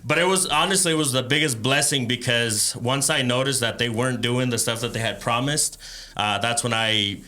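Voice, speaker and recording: A man from El Salvador, a rapper and entrepreneur, telling his life story as a podcast guest in a relaxed way, with frequent fillers and laughs. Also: mid-range voice, moderate pace. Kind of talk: casual interview chat.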